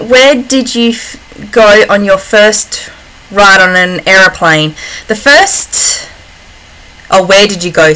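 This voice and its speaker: In a casual vlog, an Australian woman answers personal questions, giggling and often stopping mid-thought to start over. Her mid-range voice is bright and forceful, though the audio quality is poor.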